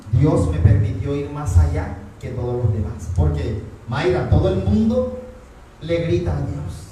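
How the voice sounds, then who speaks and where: Male pastor, high, mellow preaching voice, mic far off in an echoey church hall. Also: a little slow, slight background noise. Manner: asks the congregation rhetorical questions. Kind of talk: sermon.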